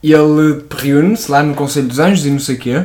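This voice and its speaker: A man's voice: fairly high pitch, brisk, a little mellow. A young man with a European Portuguese accent, chatting casually and telling a story with slang and laughs. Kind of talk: casual podcast chat.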